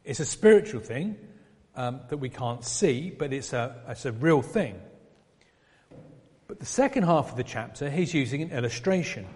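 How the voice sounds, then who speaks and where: A man preaching an expository sermon, explaining a passage in a measured way with pauses and restarts. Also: medium pitch, very animated, a little mellow, slightly rough. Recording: long reverb of a hall.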